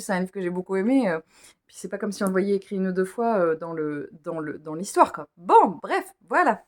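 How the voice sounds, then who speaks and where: Chatty woman unboxing books. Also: mid-range voice. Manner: chatty, stumbles over names, self-mocking. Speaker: book vlogger. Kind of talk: casual chat, unboxing gifts.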